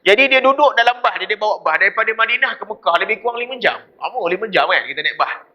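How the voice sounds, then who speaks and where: A man's voice: high-pitched, fast. A man with a Malaysian Malay accent giving a dawn mosque lecture as a religious teacher, telling stories with quoted voices. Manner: lively storytelling with quoted voices. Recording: dull lo-fi recording.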